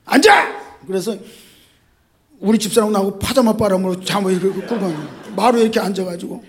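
A middle-aged man preaching a sermon, telling stories with lively shouted quotes and sudden hushed asides. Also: high voice, racing. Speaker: pastor. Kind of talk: sermon with storytelling.

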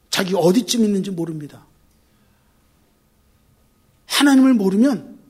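A male pastor preaching a sermon in an emphatic, animated way, swinging from quiet asides to shouted appeals and telling lively stories. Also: high-pitched, breathy edge.

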